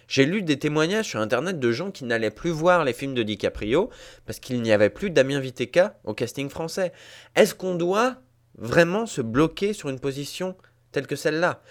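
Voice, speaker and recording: A man hosting a scripted commentary, talking emphatically and addressing listeners directly. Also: fairly high pitch. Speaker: host.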